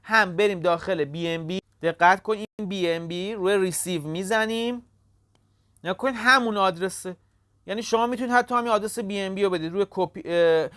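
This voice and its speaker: Halting, casual tutorial host, dry sound. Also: mid-range voice, fairly bright tone, clean tone, no echo. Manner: talks step by step, halting with frequent "uh" fillers; addresses viewers as kids and friends. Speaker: crypto tutorial channel host. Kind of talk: casual screen-recorded walkthrough.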